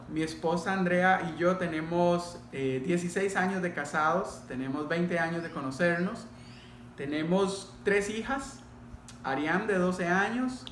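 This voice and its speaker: In a clearly reverberant room with faint noise in the background, a middle-aged man from Costa Rica, a pastor, gives his testimony to a congregation. His fairly high, bright voice moves deliberately, with pauses and direct appeals to listeners.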